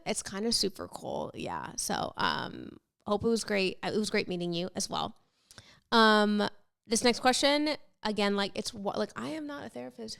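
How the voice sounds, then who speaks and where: A young woman hosting a podcast, giving candid, rambling advice in a casual, conversational way with vocal fry. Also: medium pitch, a bit bright. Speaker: podcast host. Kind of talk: casual advice chat answering listener questions. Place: apartment set up as podcast studio.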